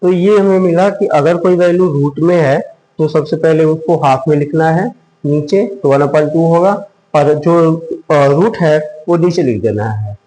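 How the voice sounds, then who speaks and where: Man, math tutor, slow deliberate delivery, roomy echo. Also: on the high side, dark tone. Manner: slow, step-by-step explaining with rhetorical questions. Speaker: math teacher. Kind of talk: blackboard math lesson.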